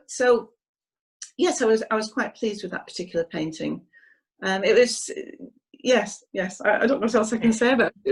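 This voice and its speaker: A woman, an equestrian painter, talks hesitantly with many pauses and restarts in a video call interview, her voice slightly hoarse. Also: mid-range voice, rough recording.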